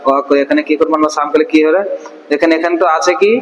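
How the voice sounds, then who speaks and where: Guy running a quran class, fairly high voice, quizzes the students then reads verses out slow, long echo on it. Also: fairly even intonation, a little hiss or hum. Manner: question-and-answer drilling, slow syllable-by-syllable recitation. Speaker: Quran teacher. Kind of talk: online Quran recitation class.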